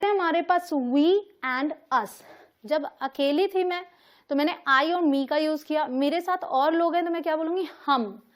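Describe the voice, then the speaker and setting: Woman teaching english in hindi, high voice, slow and careful with the example sentences. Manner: says English example sentences slowly and deliberately; explains in Hindi with frequent check-ins. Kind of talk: Hindi-language English lesson.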